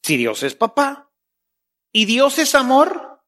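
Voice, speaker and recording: A man's voice: very high-pitched, huge pitch swings, slow, sharp tone. A man preaching a sermon, acting out playful prayers in shifting voices.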